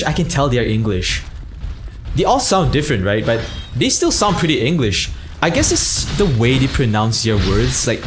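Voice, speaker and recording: A man's voice: mid-range voice, slight background noise. A young man from Malaysia chatting casually on a game livestream, rambling between topics and thanking viewers by name. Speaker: streamer.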